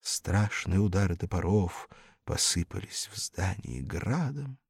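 A man's voice: low voice, animated, unhurried, gravelly, slightly rough, dry recording, studio quality. A man narrating a comic story in a theatrical reading.

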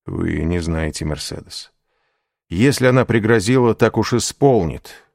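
A man's voice: lowish voice, animated, unhurried, gravelly, a little mellow, no echo, studio quality. A man voicing a pale, trembling, lovesick young man who speaks in a despairing, grim way.

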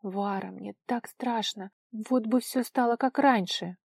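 A woman voicing a timid young sky-dwelling girl in a storybook reading, speaking in an anxious, hushed way. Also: fairly high pitch, moderate pace, no room sound, clean studio sound, natural voice. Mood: frightened.

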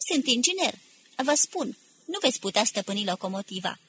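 A woman reading aloud, voicing a desperate male engineer and former officer who shouts warnings over a crowd. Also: medium pitch, lively intonation, slight background noise. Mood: urgent, warning.

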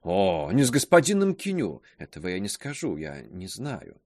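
A man's voice: low-pitched, huge pitch swings, a little mellow, dry recording, clean studio sound, heavily acted. A man reading aloud voicing a gossipy old spinster woman who talks in sly, insinuating hints. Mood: sly gossip. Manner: insinuating, drawn-out pauses.

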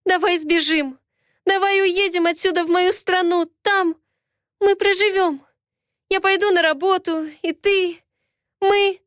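A woman reading a story, playing a desperate young wife who cries out high and loud in passionate pleas. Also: measured pace, pauses often, no room sound, studio quality.

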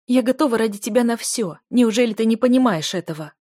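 Woman doing lovesick young heroine, pleading, emotional, loud, dry close sound. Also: medium pitch, brisk, dry recording, lightly acted. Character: desperate young woman in love, a student.

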